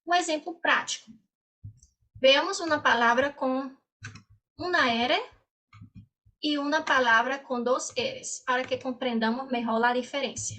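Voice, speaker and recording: A woman gives a Spanish lesson in a high, bright voice. She stretches out each model word slowly and clearly, then shifts back to to explain. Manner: slow, drawn-out model pronunciations; switches between Portuguese and Spanish mid-sentence. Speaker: Spanish teacher. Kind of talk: language lesson.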